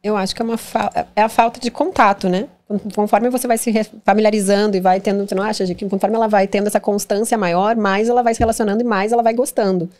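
Convidada brasileira ponderada, fala rápida. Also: female voice, medium pitch, steady tone, fast, few pauses, a little mellow. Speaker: podcast co-guest. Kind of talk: conversational interview.

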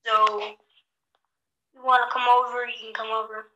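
Brief: chatty gaming host, woman, bright higher voice, roomy bathroom echo, faint hiss. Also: little pitch movement, normal speed. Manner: chatty, talks to viewers. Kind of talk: casual game chat. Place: small echoey bathroom. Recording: echoey bathroom, faint noise.

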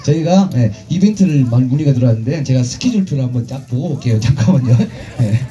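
A man emceeing a street performance at an outdoor festival, teasing the crowd with crude jokes and shouting music cues. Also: mid-range voice, animated, fast, lo-fi sound.

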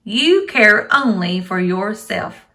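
A woman voicing a stern, commanding male storybook genie, emphatic and deliberate, as if reading to a toddler. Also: medium pitch, animated, bright, forceful tone, full character voice. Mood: scolding.

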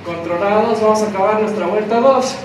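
A man's voice: high voice, brisk, noisy background. A young man working as a fitness coach, barking counts and encouragement like a gym coach while exerting himself. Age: young adult. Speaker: fitness coach leading a workout. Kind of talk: motivational workout instruction. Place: bare tiled room with hard walls. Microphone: camera several metres away. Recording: echoey room, far from the mic, music.

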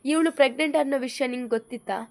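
A woman's voice: high-pitched, fast talker, a little mellow, dry recording. A woman voicing a grave, demanding mother-in-law who questions her family in a stern way in an audio story.

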